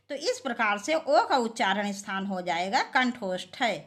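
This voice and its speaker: Woman teacher, slow and lively, for a quiz lesson. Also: sits high. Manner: reads options slowly, then explains with stressed syllables.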